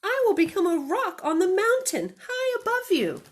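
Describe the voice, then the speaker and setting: Storybook: little runaway boy bunny, high, sing-song, defiant; a woman reads it. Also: sing-song, normal speed. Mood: playful.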